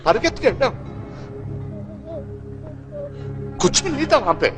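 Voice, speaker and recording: Brash auto driver, rapid and animated. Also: male voice, extremely high pitch, over music. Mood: sorrowful. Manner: mixes Hindi into Telugu, quick-tongued and teasing. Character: streetwise male auto driver, brash but tender. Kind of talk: film drama dialogue.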